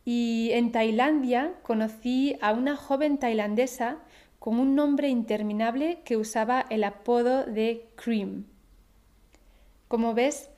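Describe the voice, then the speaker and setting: A woman teaching Spanish pronunciation in a podcast lesson, speaking slowly with careful, clear pronunciation. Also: a little high, dark tone.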